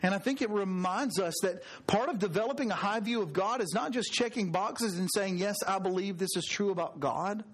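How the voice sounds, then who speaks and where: A man, preaching a conversational sermon with earnest, drawn-out emphasis on key words. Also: high voice. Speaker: pastor.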